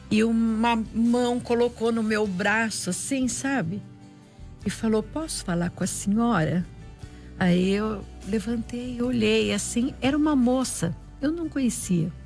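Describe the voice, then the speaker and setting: A woman with a Brazilian Portuguese accent, giving an emotional faith testimony in an interview, repeating herself and acting out what people said. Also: on the high side. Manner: heartfelt, repetitive, often reenacts dialogue and prayers.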